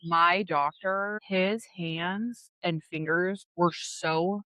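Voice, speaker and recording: A woman in her thirties co-hosting a podcast, telling lively, vivid stories and acting out the voices in them. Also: on the low side, drawn-out words, no echo. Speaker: podcast co-host. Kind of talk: casual chat.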